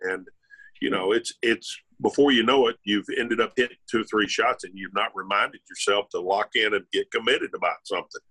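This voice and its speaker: Blunt older man with a husky bright voice. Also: fairly low pitch, fairly quick. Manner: blunt, instructive. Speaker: podcast co-host, former tour golfer. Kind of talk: casual chat.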